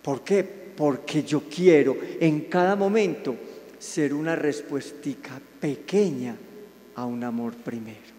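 The voice is a man's, pitched high for a man, giving a sermon to a live audience. He preaches in a warm, playful way and drops now and then into soft, intimate tones. A long reverb trails each phrase, as in a big hall. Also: slow pace. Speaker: Franciscan friar preacher.

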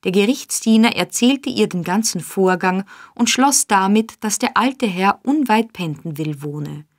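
A woman's voice: mid-range voice, lively intonation, a little slow, no echo. Woman narrating a classic novel, dry and close. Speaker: audiobook narrator. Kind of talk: scripted narration.

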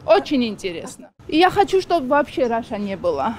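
Emphatic middle-aged woman from Georgia, high voice. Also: very animated, a little fast. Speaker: passer-by. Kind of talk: street interview. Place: city sidewalk outdoors. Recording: street noise outdoors.

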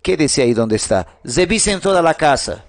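A man voicing a stern police officer who questions slowly and firmly. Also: fairly high pitch, very animated, background noise, pitched below the performer's own voice. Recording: music playing underneath.

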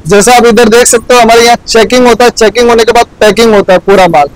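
A man's voice: very high-pitched, fairly even intonation, fast, clear, resonant tone, poor audio. A young man showing visitors around a large garment factory floor, explaining each step plainly and repeating himself, on a lapel mic. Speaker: factory guide.

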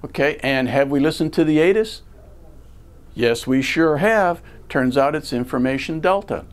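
An American flight school ground instructor in his sixties lectures to camera in an indoor video studio, teaching deliberately and step by step while posing rhetorical questions. His voice sits on the high side and is animated, with a clean tone. A lavalier mic clipped to his shirt records him.

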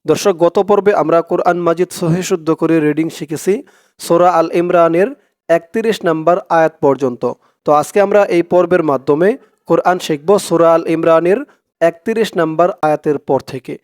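A man with a high, smooth, resonant voice leads a slow recitation lesson. He splits each word into syllables, spells out the letters and draws the verses out in a chant for his viewers to repeat. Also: a little mellow, no room sound, clean studio sound. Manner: breaks words into syllables and chants verses slowly. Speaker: Quran reading teacher.

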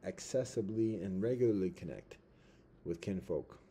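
A middle-aged man in a casual, reflective vlog monologue, using Rastafarian-style speech and halting, repetitive, deliberate phrasing. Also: low voice, animated, dark tone, a little hiss or hum. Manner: Rastafarian-style speech with patois words like "brethren" and "ting".

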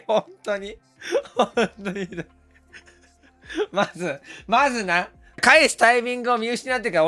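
A hoarse man, talking casually on stream, excitable and quick to laugh or yell. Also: high-pitched, no room sound. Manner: excitable, switches between laughing and yelling. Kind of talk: casual stream talk reacting to comments.

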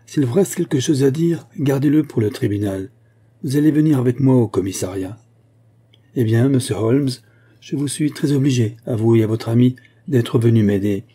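A man's voice: mid-range voice, fairly even intonation, normal speed, mellow, lightly acted. Man reading as a stern young police inspector. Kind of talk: audiobook reading.

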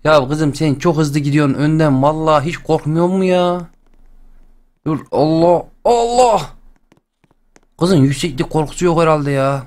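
A young man hosting a game channel, chatting and joking excitedly as he plays. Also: fairly high pitch, unhurried. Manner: chatty, excitable, jokes and exclamations. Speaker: gaming channel host. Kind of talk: playful let's-play commentary.

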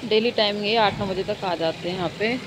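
A woman's voice: a little fast, noisy background. A young woman from India chatting casually in a home vlog about her day and her child. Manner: chatty, talks to her child in high cooing tones. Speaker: vlogger.

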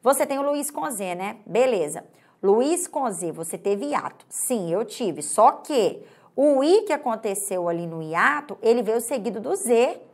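A woman from Brazil gives an online grammar lesson in a slightly high voice. She stretches out example words and keeps checking in with her students. Her pace is uneven, with slow stretches and quick bursts. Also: animated, darkish tone. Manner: pauses and hurries unevenly. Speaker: Portuguese language teacher.

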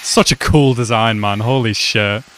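A young man reacting to an anime episode at home, talking excitedly and exclaiming often. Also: fairly low pitch, moderate pace, a little hiss or hum. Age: young adult. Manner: animated, exclaims and laughs often. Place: small room at home.

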